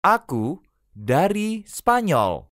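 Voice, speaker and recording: Slow, lively phrase-drill reader. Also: medium pitch, dry recording, clean studio sound. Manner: slow, careful, each phrase repeated three times. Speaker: language teacher.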